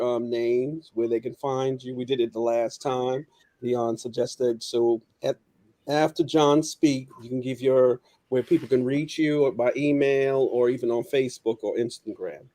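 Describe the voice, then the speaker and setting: A man hosting a panel discussion, with loose, halting phrasing. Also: medium pitch, fairly even intonation, warm tone, dry recording. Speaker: host.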